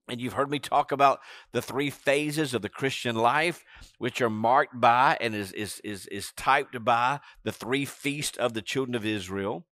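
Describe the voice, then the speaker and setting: Fifties male pastor, conversational sermon delivery, mid-range pitch, close dry headset sound. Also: a bit bright, no room sound. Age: 50s. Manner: conversational preaching with frequent "right?" and "amen", gesturing while seated. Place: church stage, seated on a stool.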